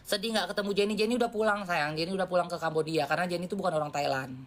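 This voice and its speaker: A woman's voice: lowish voice, racing. A woman around forty chatting on a phone live stream, bluntly lecturing her viewers in casual slang. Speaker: livestreamer.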